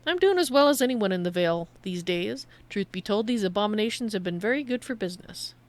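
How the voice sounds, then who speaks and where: A woman's voice: mid-range voice, lively intonation, fast, lightly acted. A woman voicing a shady, boastful outlaw trader in a video game, with salesy, roguish patter. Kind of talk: voiced reading of video game dialogue.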